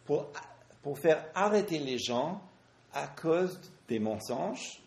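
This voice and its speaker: Slow French preacher in a roomy hall. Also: male voice, a little high, sing-song, gravelly. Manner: pauses for interpreter, asks rhetorical questions. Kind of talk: sermon with live interpretation.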